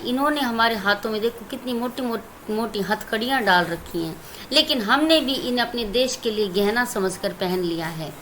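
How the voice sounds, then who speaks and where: Female Indian teacher, fairly high voice, reads verse and then explains it to students, faint hiss behind. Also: a bit bright, low-quality recording. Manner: recites verse lines, then explains them plainly to students. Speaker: Hindi teacher. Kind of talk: poem explanation lesson.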